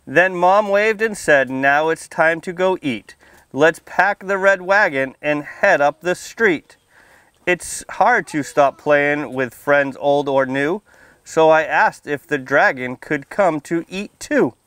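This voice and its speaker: He has a slightly high voice with a fairly bright, clean tone and takes his time, and the recording is dry. The speaker is a firefighter in his thirties who teaches fire prevention, reading and chatting plainly and kindly with young children through a face mask under a canopy on a library lawn.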